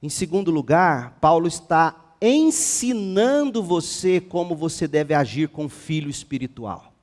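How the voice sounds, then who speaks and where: A man with a Brazilian Portuguese accent preaches a passionate sermon. His voice sits high, and he swings between hushed appeals and forceful declarations. A long reverb from the church hall trails each phrase. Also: expressive, a little slow. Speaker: pastor. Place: church sanctuary.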